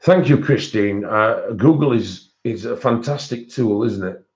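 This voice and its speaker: A man hosts a relaxed live-stream haul and keeps up a loose, rambling chat with his viewers. He speaks at an unhurried pace, with plenty of fillers and self-corrections. The recording sounds slightly dull and lo-fi. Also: fairly low pitch. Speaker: coloring book channel host.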